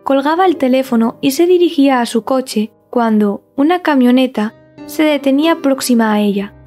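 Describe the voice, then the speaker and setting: High-pitched female true-crime narrator. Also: animated, normal speed, a little mellow, soft background music.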